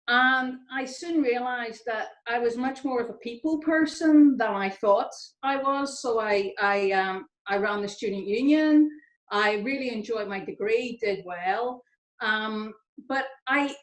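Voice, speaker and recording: A Northern Irish woman in her fifties talks to students in a chatty, self-deprecating way, her voice pitched a little high. The video call picks up a roomy echo around her. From Northern Ireland. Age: 50s. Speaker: engineer on a panel. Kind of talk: informal talk to students.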